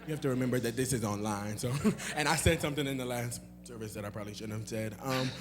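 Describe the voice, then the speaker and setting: A man's voice: mid-range voice, fast, noisy background. A young man, a guest singer, answering audience questions in a loose, rambling way with many fillers and laughs, in a church hall. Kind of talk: casual Q&A chat.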